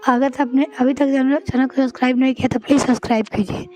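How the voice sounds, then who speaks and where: A woman reading a family moral story aloud as storyteller, plain and unhurried with small slips. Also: high voice, steady tone, a little mellow, soft background music. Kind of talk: storybook narration.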